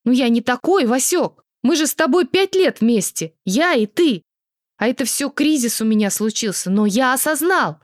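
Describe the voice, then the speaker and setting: Woman reader as a defensive, wheedling boyfriend, fairly high, dry sound. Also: lively intonation, normal speed, no room sound. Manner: stern, then wheedling and defensive. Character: stern, smooth-talking cheating boyfriend.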